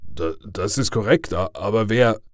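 A man's voice: on the low side, a little slow, no echo, studio quality. A man voicing a terrified adult father who stammers and pleads, his voice shaking. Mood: alarmed. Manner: stammering, shaky.

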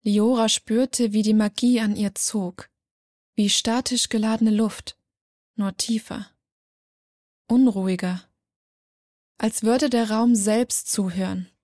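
A woman narrating a dark fantasy story in a measured, dramatic way. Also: mid-range voice, fairly even intonation.

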